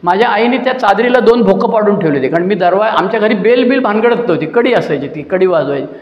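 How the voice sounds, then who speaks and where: An older man sharing his personal story at a support-group meeting, telling it with lively voices for the people he quotes. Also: sits high, fast. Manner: animated storytelling, acting out quoted people with mocking asides. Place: meeting hall. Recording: dull lo-fi recording in an echoey hall.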